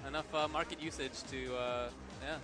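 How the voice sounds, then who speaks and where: A young man co-hosting a casual chat, animated and laughing often, with lots of fillers. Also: medium pitch, moderate pace, over music. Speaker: co-host.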